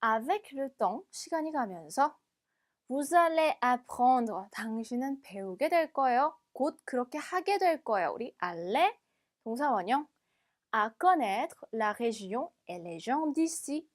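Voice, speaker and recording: A woman teaching French from a textbook, explaining each phrase patiently and reading the French aloud slowly, often twice. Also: fairly high pitch, big pitch swings.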